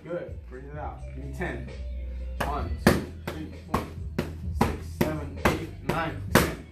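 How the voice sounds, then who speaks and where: A man's voice: fairly high pitch, slow. A man in his thirties coaching boxing, calling short, repetitive, encouraging drill commands while taking punches on pads. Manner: clipped, repetitive, encouraging commands amid physical exertion. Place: large indoor boxing gym. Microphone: far camera. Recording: roomy gym, distant mic, loud music behind. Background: loud music, thuds of punches on mitts.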